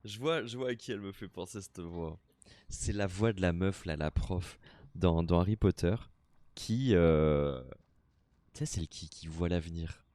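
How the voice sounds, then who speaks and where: A man's voice: sits low, unhurried, dark tone, no echo. A man streaming a horror game, chatting casually, talking to the characters on screen and swearing now and then.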